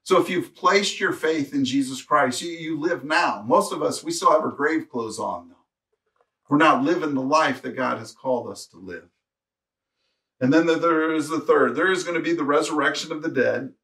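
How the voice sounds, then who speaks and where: A man's voice: on the high side, moderate pace, bright, forceful tone, recorded from a distance. Earnest male pastor preaching from afar. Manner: earnest preaching, reads scripture aloud, rises to emphatic peaks. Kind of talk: sermon.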